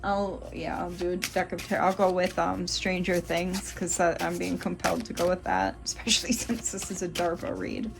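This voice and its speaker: A woman's voice: fairly low pitch, animated, normal speed, creaky, hardly any pauses. A woman giving a tarot reading to her viewers, exasperated, muttering and swearing between cards. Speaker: tarot reader.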